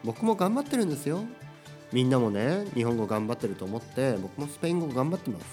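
A man's voice: mid-range voice, sing-song, fast talker, dark tone, faint music behind. A Japanese man hosting his own podcast, talking casually and energetically with many little tag questions. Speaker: podcast host teaching Japanese. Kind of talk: casual solo podcast talk.

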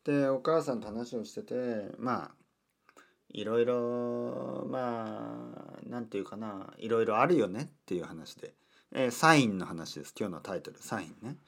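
A man hosting a casual solo talk, speaking slowly in simple words and stopping to explain terms, with chatty asides. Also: medium pitch, vocal fry. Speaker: podcast host.

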